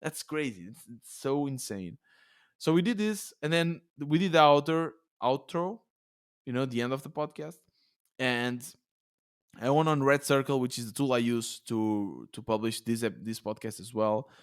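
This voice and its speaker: A man with a Portuguese accent hosting a solo podcast, talking in a chatty, excitable way with many restarts. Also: medium pitch, normal speed, smooth. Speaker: podcast host. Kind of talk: casual solo podcast monologue. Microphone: podcast studio mic.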